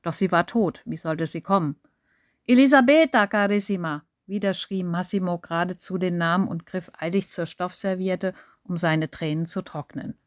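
A woman reading a story aloud as narrator in a measured, even way. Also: lowish voice, no room sound, studio quality. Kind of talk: audiobook narration.

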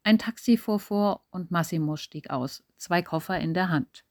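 A woman reading a story aloud as narrator in a measured, even way. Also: fairly low pitch, dry recording. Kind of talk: audiobook narration.

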